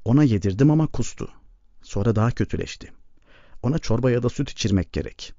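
A man reading the lines of a starving young boy who speaks in a cracked, flat monotone. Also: mid-range voice, quick pace, no echo, close to an everyday voice. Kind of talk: audiobook reading. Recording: dull lo-fi recording.

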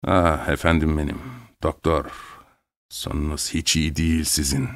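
A man's voice: on the low side, a little fast, natural voice. A man reading a story, voicing a cold, harsh army colonel who gives curt, contemptuous orders. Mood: scornful.

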